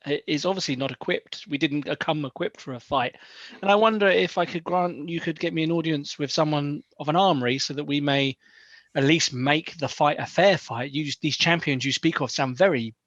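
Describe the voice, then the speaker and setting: Guy as polite elf diplomat in a tabletop game, lightish pitch, formal, dull dry mic. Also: fairly bright tone, no room sound. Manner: polite, formal, hesitant persuasion. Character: courteous, diplomatic male elf, smooth-talking negotiator. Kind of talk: improvised tabletop role-play. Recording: dull, lo-fi close audio.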